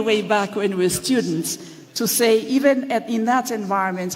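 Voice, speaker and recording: A Tanzanian woman gives a formal acceptance speech at an awards ceremony, measured and deliberate, slowing to stress key phrases. Her mid-pitched voice rings with the long reverb of the large hall.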